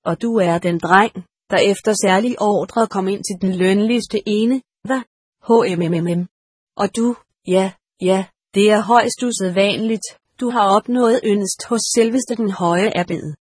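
A woman's voice: medium pitch, slightly rough, no room sound, studio quality, natural voice. A woman voicing a pompous, irritable old male monastery steward who scolds and grunts to himself, in an audiobook. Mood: musing. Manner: blustering, scolding, grunts "hmmm". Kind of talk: audiobook character voice.

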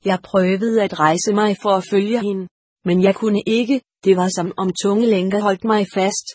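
A woman reading a first-person story aloud in a measured, solemn way. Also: mid-range voice, darkish tone, husky, no room sound, studio quality. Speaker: audiobook reader.

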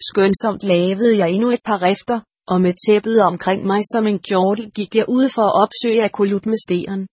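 A woman reading a first-person story aloud in a measured, steady audiobook narration. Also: mid-range voice, breathy edge, no echo, studio quality.

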